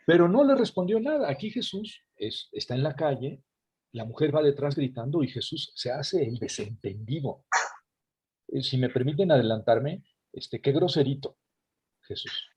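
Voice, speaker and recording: A man lectures on a scripture passage in an online class over a video call, explaining as he goes. His voice is a little high with a darkish tone and a breathy edge, and he keeps things engaging with frequent asides to his listeners.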